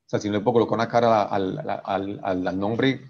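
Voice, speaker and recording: A man's voice: on the low side, steady tone, brisk, creaky, darkish tone, muffled recording. A man teaching an engineering class online, working through equations step by step and checking in with "right?" after each step, often restarting his sentences. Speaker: engineering professor.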